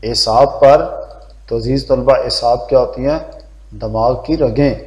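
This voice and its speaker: A man's voice: mid-range voice, fairly even intonation, dark tone. Male teacher explaining a text. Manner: explains word meanings, asks and answers his own questions. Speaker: Urdu teacher. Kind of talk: recorded classroom lesson. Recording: roomy dull lo-fi recording.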